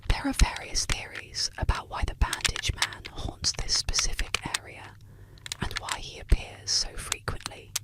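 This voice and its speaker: A soft, breathy whispered ASMR narration of eerie folk legends, delivered slowly and soothingly to help listeners sleep.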